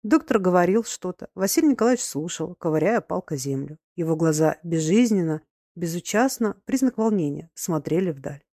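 A woman reading a classic story aloud as audiobook narrator, even and measured. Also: on the low side, dry recording, clean studio sound. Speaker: audiobook reader. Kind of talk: scripted literary narration.

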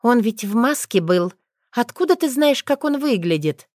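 A woman voicing a patient, gentle young mother speaking softly in an audiobook. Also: on the high side, animated, normal speed, no room sound, studio quality, pitched above the performer's own voice, close to an everyday voice. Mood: guarded. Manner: soft, patient, coaxing. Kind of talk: audiobook character voice.

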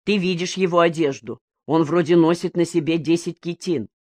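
A calm older fisherman explains things quietly and patiently, as a woman reads him in an audiobook. The delivery is steady and close, with a dry sound. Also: lowish voice, normal speed, dry recording, natural voice.

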